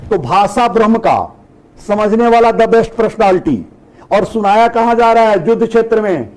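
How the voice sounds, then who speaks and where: Animated, high-voiced man preaching. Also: a little slow, rough recording. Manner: rhetorical questions answered in turn, sprinkled with English phrases. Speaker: spiritual teacher. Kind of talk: spiritual discourse to an audience.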